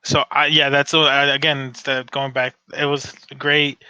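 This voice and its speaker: Bright-voiced man rambling in casual chat. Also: medium pitch, little pitch movement, unhurried, clean tone, no room sound. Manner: rambling, restarts, swears freely. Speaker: podcast co-host. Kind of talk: casual fan discussion. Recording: dull dry lo-fi sound.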